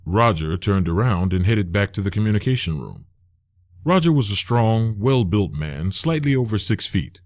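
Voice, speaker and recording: A man narrating an audiobook in a steady, even reading. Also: on the low side, no echo, studio quality.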